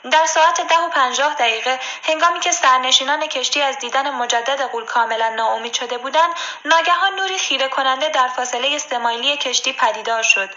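Bright, high-voiced woman reading a story. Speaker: audiobook reader. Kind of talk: scripted storybook narration. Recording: dull lo-fi recording.

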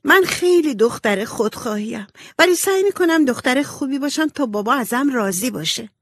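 Narrator doing amy, high little spoiled girl, insists on her way. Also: lively intonation, fairly bright tone, no room sound, studio quality, full character voice. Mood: tearful. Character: youngest sister, small, self-centred girl.

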